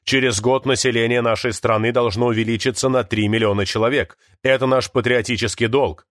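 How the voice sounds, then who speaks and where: A man's voice: medium pitch, fairly even intonation, a little fast, a bit bright, no room sound, clean studio sound, natural voice. Pompous president, firm official tone, read by a man. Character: pompous male president giving a TV address.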